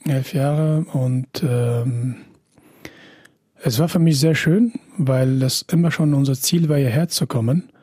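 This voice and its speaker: A man in his thirties from Afghanistan speaks in a mellow, slightly raspy voice. He answers interview questions slowly and reflectively, often pausing with fillers. The sound is dry and close. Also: medium pitch, no echo. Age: 30s. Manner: hesitant, reflective, many fillers. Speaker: podcast guest.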